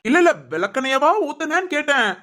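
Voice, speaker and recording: A man's voice: extremely high pitch, animated, fast, sharp tone, heavily acted. A man voicing a joking, teasing young husband in a cartoon family comedy. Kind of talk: cartoon voice acting.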